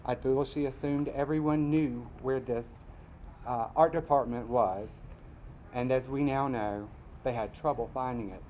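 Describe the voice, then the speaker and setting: A man from Mississippi, reading his personal essay aloud at a live event in a measured, wry way. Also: mid-range voice, steady tone, warm tone, slight background noise, rough recording. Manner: measured storytelling, wry asides.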